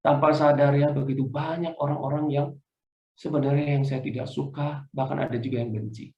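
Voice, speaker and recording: A middle-aged man, a pastor preaching a sermon with personal testimony, swinging between loud preaching and quiet recollection. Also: a little high, flat delivery, fairly quick, gravelly. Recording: echoey church hall, dull lo-fi sound.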